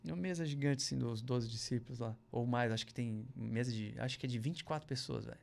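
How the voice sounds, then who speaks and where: A man's voice: mid-range voice, fast, creaky, darkish tone. A man, a podcast guest, telling a long casual story in a slangy, rambling way and acting out other people's lines in a raised voice. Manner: slangy, rambling storyteller full of "cara" and "velho" asides.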